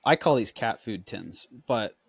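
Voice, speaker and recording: A man co-hosting a podcast, chatting in a relaxed, explanatory way and demonstrating as he talks. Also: on the low side, unhurried, vocal fry, slightly rough, dry recording, clean studio sound. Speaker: podcast co-host. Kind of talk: casual chat.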